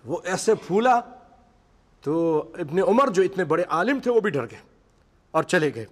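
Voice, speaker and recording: A man's voice: high voice, sing-song. A man preaching a sermon to a seated congregation, reciting Arabic passages and then explaining them in vivid storytelling. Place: mosque hall with seated congregation. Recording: long echoey hall reverb.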